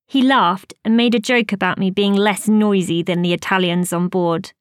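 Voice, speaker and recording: A woman telling a first-person story as scripted narration, expressive and rising high on surprise and excitement. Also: moderate pace, smooth, dry recording, studio quality.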